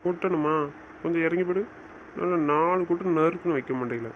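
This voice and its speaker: A young man speaking softly to his wife in a coaxing, gently teasing way. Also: a little high, fairly quick, a little hiss or hum. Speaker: husband in a couple's chat. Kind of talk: casual couple banter. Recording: muffled lo-fi recording.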